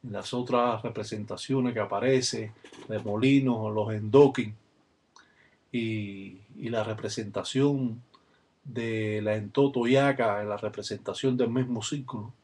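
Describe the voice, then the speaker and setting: A man talking on a webcam, explaining ritual work in a measured way with frequent "eh" fillers. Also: fairly low pitch, fairly even intonation, a little mellow, breathy edge.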